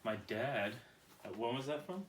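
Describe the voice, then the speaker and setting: A young man co-hosting a casual chat, curious and full of quick questions and reactions. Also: mid-range voice, lively intonation, a little hiss or hum. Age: young adult. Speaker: co-host asking questions.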